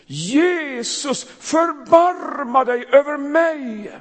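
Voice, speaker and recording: A man voicing a blind male beggar who cries out loud, pleading and desperate. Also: extremely high pitch, animated, vocal fry, breathy edge, big-room sound, pitched above the performer's own voice, heavily acted.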